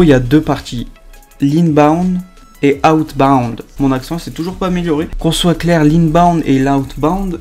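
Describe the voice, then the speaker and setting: A man's voice: mid-range voice, warm tone. A young man, talking in an improvised casual vlog with many fillers. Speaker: vlogger. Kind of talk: unscripted casual vlog talk.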